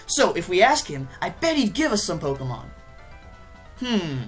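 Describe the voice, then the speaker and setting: A woman voicing a cocky, impatient boy rival in a video game, brash and excited. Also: fairly low pitch, normal speed, soft background music.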